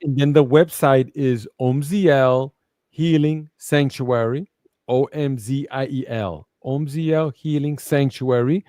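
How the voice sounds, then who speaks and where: A man's voice: mid-range voice, steady tone, slow pace, dark tone, dry recording. Male, Brooklyn accent, street-level colloquial event promoter in casual interview, dry sound. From Brooklyn, New York. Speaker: guest, festival organizer.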